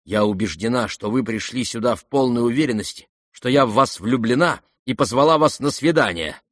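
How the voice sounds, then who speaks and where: A man's voice: medium pitch, lively intonation, moderate pace, dry recording, studio quality, lightly acted. A man reading aloud and voicing a proud, irritable young noblewoman who speaks sharply and indignantly.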